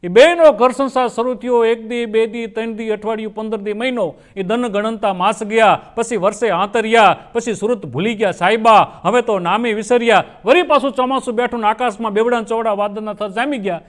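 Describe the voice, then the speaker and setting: A man's voice: sits high, fairly quick, hardly any pauses. A man telling folksy comic stories on stage and acting out his characters' lines. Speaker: folk comedian. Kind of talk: stage comedy storytelling.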